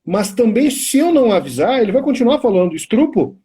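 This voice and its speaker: A man's voice: extremely high pitch, big pitch swings, quick pace, mellow, husky. A middle-aged man with a Brazilian Portuguese accent, a teacher chatting on a live stream, rambling and telling stories with many restarts. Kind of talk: casual chat on a live stream.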